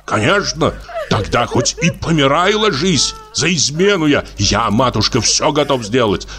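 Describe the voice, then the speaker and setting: A man voicing a drunk, jealous husband who shouts, scolds and rants at his wife in an audiobook. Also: mid-range voice, lively intonation, unhurried, over music, pitched above the performer's own voice, lightly acted. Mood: scolding. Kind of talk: audiobook character voice.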